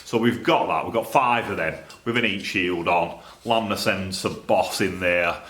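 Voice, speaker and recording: Speaking at a normal speed, this low-voiced man has a fairly bright tone and a Northern English accent. He's an exhaust fabricator and video presenter, thinking aloud in a loose, casual way to camera. The small, cluttered workshop gives the recording a roomy echo.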